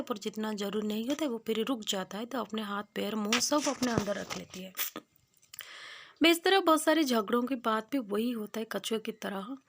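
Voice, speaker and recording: A young woman narrating a casual village vlog, homely and repetitive as she draws simple life lessons. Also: fairly high pitch. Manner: homely, repeats points, moralizing. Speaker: village vlogger. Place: village home outdoors.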